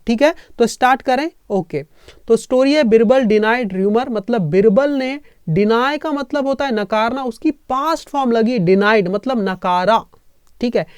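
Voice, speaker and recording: A man's voice: extremely high pitch, clean tone, dry recording, studio quality. A man teaching English through a story, explaining word by word and checking in with listeners as he goes. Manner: keeps checking in with listeners, spells words letter by letter slowly. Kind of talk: explaining a reading lesson.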